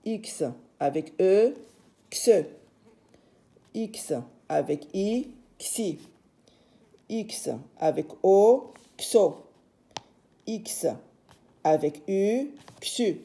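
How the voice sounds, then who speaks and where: Woman teacher sounding out letters super slow, patient, kinda low voice. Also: warm tone. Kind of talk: reading and spelling lesson.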